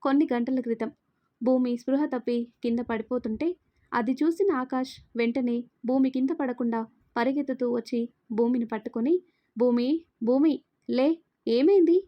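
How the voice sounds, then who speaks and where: Woman telling a dramatic story, expressive, bit high voice. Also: normal speed, muffled recording. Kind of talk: scripted story narration.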